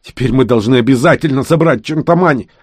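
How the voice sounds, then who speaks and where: A man's voice: mid-range voice, quick pace, no echo, studio quality, pitched above the performer's own voice, close to an everyday voice. A man voicing a proud, headstrong young witch in an audiobook, snappish and insistent. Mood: bitter. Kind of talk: audiobook character reading.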